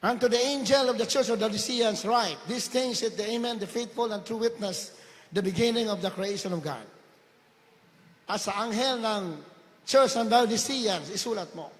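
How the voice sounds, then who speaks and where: Fervent high-voiced preacher shouting in a hall. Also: male voice, normal speed. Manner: fervent, often shouting, mixing Tagalog with English. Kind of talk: sermon. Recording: long hall reverb.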